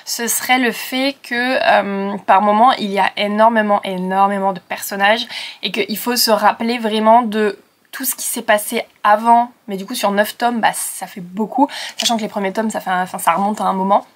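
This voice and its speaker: A woman's voice: medium pitch, fairly even intonation, moderate pace. Chatty young French woman vlogging. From France. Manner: chatty, rambling, many fillers and self-corrections. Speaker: book vlogger. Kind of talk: casual vlog chat to camera. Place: at home. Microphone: camera set on a surface.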